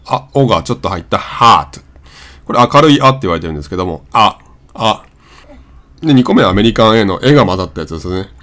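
A man's voice: on the low side, animated, very fast, few pauses, fairly bright tone. A man whose first language is Japanese, casually teaching English pronunciation and drawing out vowel sounds as examples. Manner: demonstrates vowel sounds, repeating and drawing them out. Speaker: channel host.

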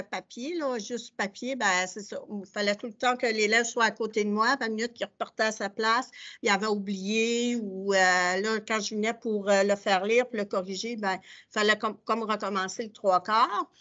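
A woman with a Québécois French accent presents her teaching materials to fellow teachers, walking through them one step at a time. Her voice is bright and sits a little high. The sound is dull and lo-fi, like online meeting audio. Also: steady tone, normal speed. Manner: explains step by step while paging through documents. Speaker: adult literacy teacher.

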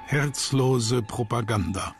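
A man reading a scripted history documentary narration in a sober, measured manner. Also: medium pitch. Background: background music.

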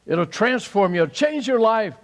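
A man in his sixties, a pastor, preaching a sermon with emphatic bursts that jump up to high exclaims. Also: animated, normal speed, long reverb tail, rough recording. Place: church sanctuary.

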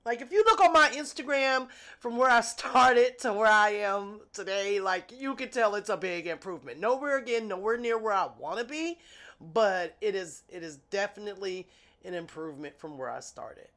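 Expressive and fairly bright, her mid-range voice keeps a moderate pace. She's a nail artist vlogger, stuffed up and sniffly from being ill, casually unboxing nail gel at her home desk indoors and chatting with "y'all," amused by her own remarks.

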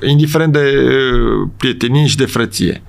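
A middle-aged man, a football coach, talking in a casual podcast interview, emphatic and rambling with frequent restarts and quick check-ins with the host. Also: medium pitch, gravelly. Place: studio.

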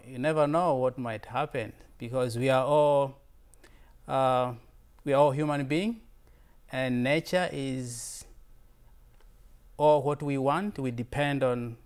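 A Tanzanian man in his thirties, a visiting fellow whose first language is Swahili, presents slides informally with a Tanzanian accent. He is earnest, often repeating words and restarting. His voice is mid-range and clean.

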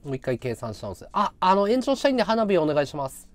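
Male streamer, rambling casual monologue, lively intonation, dry close sound. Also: high-pitched, quick pace, no room sound. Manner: rambling, muttering to himself while calculating. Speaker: live streamer. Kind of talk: casual livestream chat.

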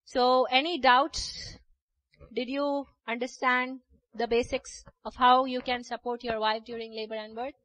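A woman's voice: a little high, flat delivery, unhurried, fairly bright tone, no echo. A woman doula and childbirth educator giving a workshop lecture, explaining step by step and often checking in with "okay?". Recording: dull lo-fi recording.

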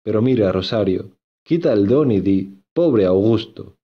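A man playing a lovesick young gentleman. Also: fairly low pitch, expressive, measured pace, breathy edge, highs cut off. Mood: earnest. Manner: earnest, insistent, repeats himself.

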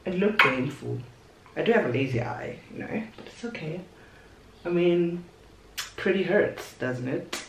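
A young beauty vlogger at her bedroom vanity chats away playfully, tossing in asides while she applies makeup for a tutorial. Her voice is on the low side and expressive, with a measured pace and frequent pauses. The camera sits a little away on the desk, so she sounds far from the mic, a bit off-mic, with roomy echo and background noise.

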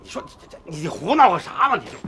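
A brusque police section chief. He sounds authoritative and gives orders. His pitch moves a lot, and faint noise is heard behind him. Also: very animated, quick pace. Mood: stern.

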